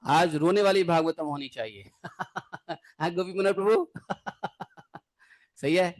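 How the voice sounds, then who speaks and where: A man giving a devotional scripture lecture in a conversational way, asking his class rhetorical questions and adding playful asides. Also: fairly high pitch.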